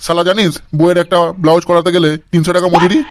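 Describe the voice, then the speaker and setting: Brief: man playing a cursing, balding old cartoon dad, high and fast, stammering when shocked. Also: flat delivery, lightly acted. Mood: angry. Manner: stammers when shocked, swears, mispronounces English words. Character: crude balding old father, mocking and hot-tempered. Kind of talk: cartoon comedy voice acting.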